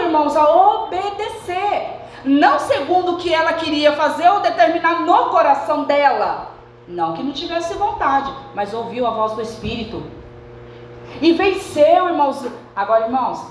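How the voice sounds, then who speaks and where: A woman's voice: sits high, a little hiss or hum. A woman pastor, preaching a sermon in a chatty way and often turning to the congregation. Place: church hall. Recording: echoey church hall, faint ambience.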